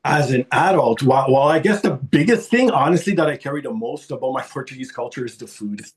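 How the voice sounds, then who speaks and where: His mid-range voice is expressive and fairly quick as the middle-aged Torontonian talks on a podcast. Casual and long-winded, he rambles a little, makes self-deprecating remarks and restarts his thoughts during the interview chat.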